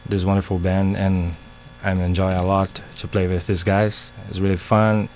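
A man's voice: deep voice, flat delivery, moderate pace, darkish tone. A man from Brazil, a musician introducing himself in a friendly, simple way. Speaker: musician, guest.

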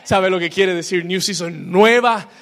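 A man preaching a sermon in church, calling for responses from the congregation, slipping English phrases in and building up to shouts. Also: high voice, measured pace. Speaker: pastor.

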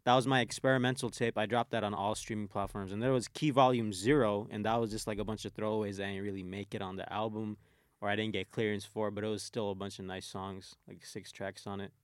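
A man appearing as a musician guest on a podcast, talking loosely and quickly with many "you know"s. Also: on the low side, flat delivery, smooth, no room sound, clean studio sound. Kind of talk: casual podcast interview.

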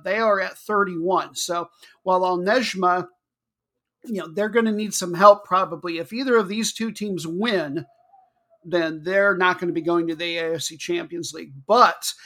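Guy hosting a jokey sports preview, pretty high bright voice, chatty and tongue in cheek. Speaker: football betting show host. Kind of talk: casual comic sports preview.

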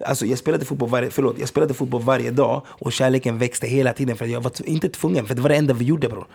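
A man in his thirties, a former pro footballer from Gothenburg, telling animated, slang-heavy stories in a casual podcast chat. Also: mid-range voice, gravelly, husky. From Gothenburg, Sweden. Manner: animated storytelling, slang-heavy, keeps asking if you follow.

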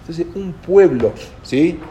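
A man giving an informal history lecture, halting and repeating words as he goes and often checking in with his listeners. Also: a little high, expressive, mellow, a little hiss or hum. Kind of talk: informal spoken lecture with storytelling.

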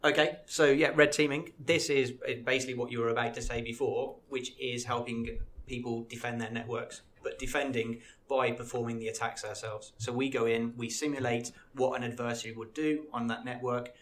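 A man appearing as a podcast guest, explaining his security work in a measured way with some fillers. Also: mid-range voice, steady tone, a bit bright.

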